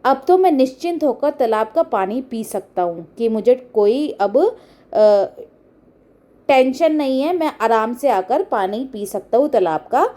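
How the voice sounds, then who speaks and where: A woman's voice: fairly high pitch, animated, unhurried, mellow. A woman voicing a sly, wary male jackal, read out from a children's storybook play. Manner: questioning, suspicious storybook reading.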